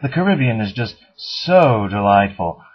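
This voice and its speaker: A man's voice: lowish voice, sing-song, a little slow, husky, heavily acted. A man playing a pompous, wealthy playboy in a comedy sketch interview, with haughty, drawling airs. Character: pompous wealthy male playboy, tax-dodging snob. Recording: dull lo-fi recording.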